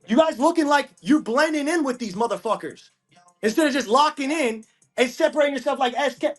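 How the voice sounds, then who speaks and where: A man's voice: very high voice, fairly quick, soft background music. A man on a livestream selling cards, ranting aggressively and swearing at viewers. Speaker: live-stream card seller. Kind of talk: angry livestream rant.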